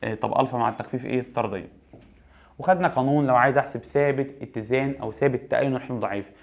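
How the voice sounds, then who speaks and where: A man's voice: medium pitch, racing, gravelly. A man with an Egyptian Arabic accent giving a chemistry exam review, asking questions and answering them himself and repeating key points. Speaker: chemistry teacher.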